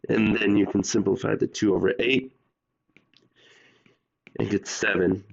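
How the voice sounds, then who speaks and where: A man's voice: fairly low pitch, gravelly, highs cut off. A man teaching a recorded math lesson while under the weather, explaining step by step and speaking directly to his students.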